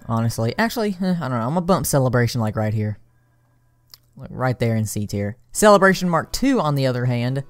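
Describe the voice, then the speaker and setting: A tired video creator rambling casually through a game tier list, full of ums, restarts and sudden bursts of excitement. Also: medium pitch.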